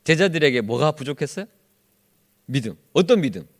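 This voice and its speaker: Animated questioning male pastor. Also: fairly high pitch, a little fast. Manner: constantly quizzes the congregation with questions; acts out quoted speech in lively voices. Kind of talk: Bible study sermon.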